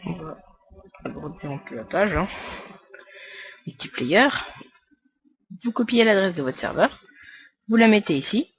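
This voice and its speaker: A man's voice: sits high, animated, unhurried, vocal fry, long pauses. A man talking through a casual screen-recorded game tutorial, rambling and stumbling over his words with many fillers, and joking with his viewers. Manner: chatty and jokey with viewers. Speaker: tutorial maker.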